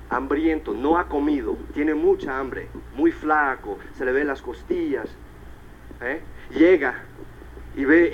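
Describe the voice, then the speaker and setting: A man with a higher-pitched voice delivers a motivational seminar talk, telling stories animatedly and slipping into English. The recording comes from a dull old cassette tape with slight background noise.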